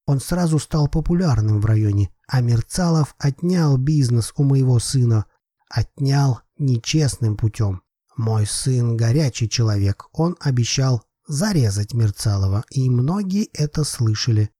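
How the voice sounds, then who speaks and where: A man's voice: mid-range voice, lively intonation, unhurried, mellow, slightly rough, no room sound, clean studio sound. A man reading an audiobook voices a proud, desperate older father who pleads emphatically in broken phrases.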